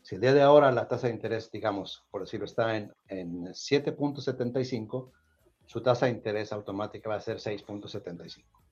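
The recording is muffled, and the voice is lowish, darkish, and quick: a podcast host from Mexico with a Mexican Spanish accent. He keeps his explanations casual, often repeating words and dropping in "¿verdad?".

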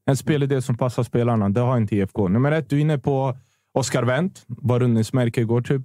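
A man's voice: medium pitch, no echo, clean studio sound. A man on a podcast panel, talking football in a casual, opinionated way, often restarting his sentences. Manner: animated, opinionated, trails off and restarts.

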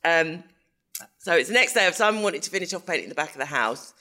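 Woman podcast co-host, bright voice, very lively delivery, giggly and teasing. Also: fairly low pitch, fast. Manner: giggly and teasing, laughs often. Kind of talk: casual chat.

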